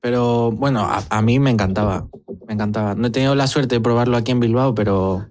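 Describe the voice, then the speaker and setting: A man in his twenties on a radio panel, talking in a measured, thoughtful way about sports he did. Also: mid-range voice, a little mellow, a little hiss or hum. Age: 20s. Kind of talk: radio interview chat.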